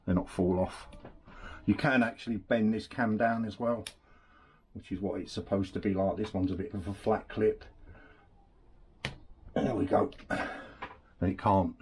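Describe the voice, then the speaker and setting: A low-pitched man talks through a scooter rebuild at an indoor workbench, with slight background noise around him. He's relaxed and conversational as he works with his hands, and the camera is placed on the bench while he stands off to the side.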